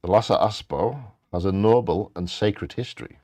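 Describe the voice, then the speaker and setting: A man with a fairly low voice hosts bingo, reading out facts in an informal way. The sound is dry and close. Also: moderate pace, darkish tone, dry recording. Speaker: co-host of a live bingo game. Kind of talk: bingo host reading out facts, with casual asides.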